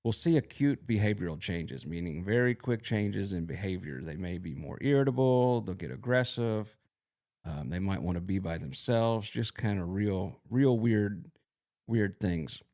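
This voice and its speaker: A man who works as a horse veterinarian, explaining a disease to animal owners in a relaxed, folksy podcast talk. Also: sits low, a little slow. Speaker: equine veterinarian.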